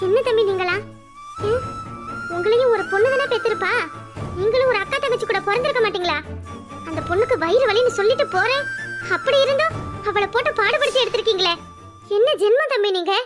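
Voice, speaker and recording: A woman's voice: very high voice, brisk, long pauses, loud music behind the voice, pitched above the performer's own voice. A woman voicing an older cartoon mother who is shocked and scolds her son. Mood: shocked scolding.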